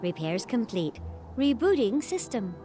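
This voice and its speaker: A woman voicing a female robot that reads out flat system messages while it repairs a memory error and reboots. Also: a little high, a little slow. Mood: system readout. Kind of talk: video game voice acting. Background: game music.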